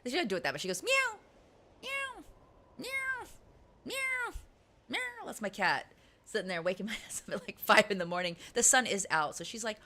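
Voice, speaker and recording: A woman streamer chats casually with her live audience, giggling and laughing often. Her bright voice swings widely and lively in pitch. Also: quick pace, slight background noise. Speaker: game streamer.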